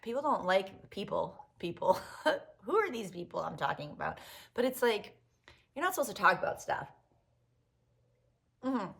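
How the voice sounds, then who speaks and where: A woman's voice: medium pitch, very animated, moderate pace, gravelly, long pauses, fairly bright tone. A woman podcast host telling stories in a casual monologue, profane and self-mocking.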